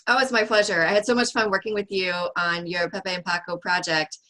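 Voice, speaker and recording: A woman's voice: mid-range voice, steady tone, fairly quick, pushed and bright, rough recording. A woman hosting a podcast interview, opening with a polished, upbeat scripted introduction. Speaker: podcast host.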